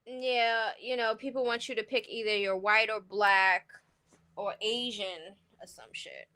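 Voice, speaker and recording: A New York-accented woman from New York City runs a livestream of casual, slang-heavy gossip commentary, blunt and full of opinions. Her mid-range voice is bright and forceful, with fairly even intonation and a measured pace.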